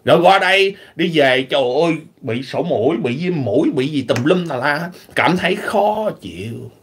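Animated high-voiced man vlogging. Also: moderate pace, a little hiss or hum. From Vietnam. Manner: animated, opinionated, clears throat often. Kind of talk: casual monologue vlog.

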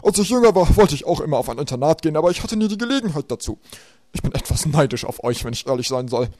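An oblivious, cheerful middle-aged banker as a man puts him on talks loud and eager. He speaks quickly in a raised voice. The take is close and dry, like a homemade audiobook. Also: fairly high pitch, big pitch swings, no echo, pitched above the performer's own voice.

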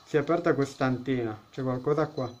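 A man's voice: mid-range voice, brisk, darkish tone, muffled recording, slight background noise. A man giving let's-play commentary on a horror game as a gaming YouTuber, joking, chatting with the game characters and blurting out startled exclamations.

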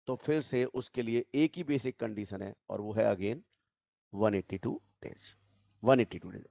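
A man's voice: mid-range voice, creaky, darkish tone, no room sound, highs cut off. A male teacher giving an online tax class, explaining step by step and repeating the key points. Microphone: video call.

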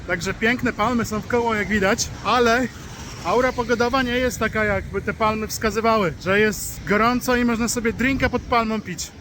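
A man's voice: high voice, fairly even intonation, normal speed, pushed and bright. A man with a cold and sore throat, chatting casually in a travel vlog as he walks the city streets. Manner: chatty, self-deprecating, walking while talking. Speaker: travel vlogger. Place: city streets outdoors, and indoors at a hostel. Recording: noisy street with traffic.

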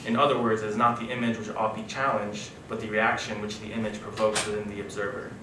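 A man's voice: lowish voice, flat delivery, fast talker. Slightly breathless, altitude-sick young man, echoey room. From New York. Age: young adult. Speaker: student presenter at an academic conference. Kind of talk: reading a prepared academic paper. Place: wood-panelled conference room, indoors. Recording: echoey room, distant mic, background noise.

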